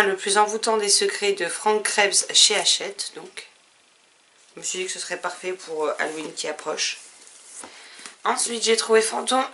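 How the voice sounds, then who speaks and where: A woman's voice: medium pitch, sharp tone. A woman vlogger chatting casually about her book purchases, rambling and full of hesitations. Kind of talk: casual book haul chat.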